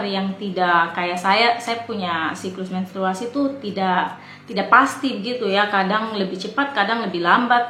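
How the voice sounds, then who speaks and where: A woman's voice: mid-range voice, pushed and bright, a little hiss or hum. Casual vlogger woman from indonesia, late twenties, chatty and rambling, roomy echo. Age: 20s. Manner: chatty, laughs often, rambling. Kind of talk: casual chat. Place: home in the Netherlands.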